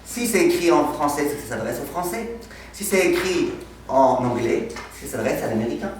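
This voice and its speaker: A man teaching a lively, humorous class as a rabbi, asking the students questions and answering them himself as he tells anecdotes. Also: a little high, brisk, a little hiss or hum. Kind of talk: lively Torah lesson with humor. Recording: echoey room, mic far off.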